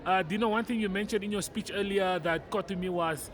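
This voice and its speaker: A man's voice: high voice, steady tone, fairly quick, fairly bright tone, a little hiss or hum. A man with a Namibian accent, co-hosting and interviewing in a casual presenting style. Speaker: TV show co-host and reporter.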